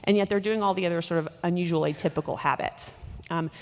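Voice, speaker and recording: A woman doctor gives a conference talk, rushing through her points with frequent fillers and restarts. Her voice sits low and has a gravelly edge. The sound carries a long reverb from a big hall. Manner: rapid, with many fillers and restarts. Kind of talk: conference lecture.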